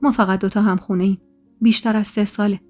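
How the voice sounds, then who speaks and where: A woman's voice: medium pitch, level tone, a little mellow, soft background music, lightly acted. A woman reading a serious middle-aged man, muffled and earnest, storybook podcast. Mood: confiding. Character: grave middle-aged man declaring quiet love.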